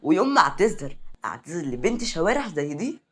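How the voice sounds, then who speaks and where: A woman's voice: low-pitched, big pitch swings, fast talker. A woman voicing a spoiled, scheming young woman, indignant and bitter, in an Egyptian Arabic accent.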